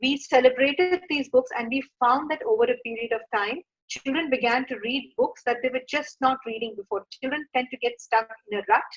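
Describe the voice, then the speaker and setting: A middle-aged woman from India, founder of a children's reading program, talks fairly quickly with hardly any pauses in a high, slightly rough voice. Her workshop talk earnestly advises parents, peppered with "uh" and "you know." The recording has a dull, lo-fi quality.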